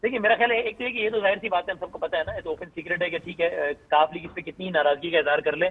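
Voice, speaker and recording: Male phone-in analyst, husky tone, measured and explanatory, thin phone-line sound. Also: high-pitched, steady tone. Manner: measured, explanatory, builds his point step by step. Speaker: analyst guest. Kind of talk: talk-show analysis by phone. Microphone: phone call.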